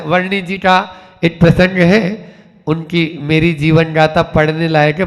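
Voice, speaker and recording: Slow creaky-voiced monk preaching. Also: male voice, high-pitched, long reverb tail. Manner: slow, repetitive teaching with rising emphatic refrains. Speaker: Jain monk. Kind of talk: sermon.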